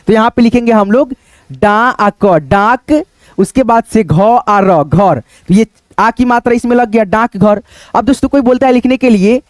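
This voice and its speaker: A man teaching Hindi writing online, dictating words slowly and breaking them into syllables, often checking in with his students. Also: high voice, no echo. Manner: slow, patient dictation, repeating words syllable by syllable; keeps checking in with "ठीक है" and "दोस्तों".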